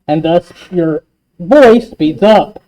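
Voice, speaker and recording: A man's voice: high-pitched, lively intonation, slow pace, mellow, low-quality recording. A man teaching chemistry in a classroom, explaining step by step and quizzing his students. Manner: patient, explains step by step with questions.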